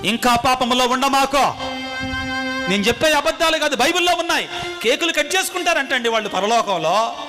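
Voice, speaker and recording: Male preacher with a high voice. Call-and-response style, he asks and answers his own questions, with faint music behind him. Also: animated, fairly quick. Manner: asks the listeners questions and answers them himself. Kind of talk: Telugu sermon with call-and-response.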